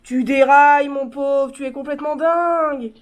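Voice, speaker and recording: Brief: a woman playing a scared, grieving mother, high voice, tense and pleading. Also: steady tone, normal speed, lightly acted. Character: frightened, grieving middle-aged mother. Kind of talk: stage play reading.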